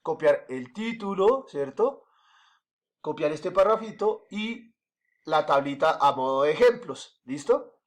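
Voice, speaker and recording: A man's voice: on the high side, animated, slow. A male teacher giving a recorded grammar lesson to his class, patiently repeating each point and checking in often with the students;. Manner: checks in often with "¿listo?" and "¿cierto?".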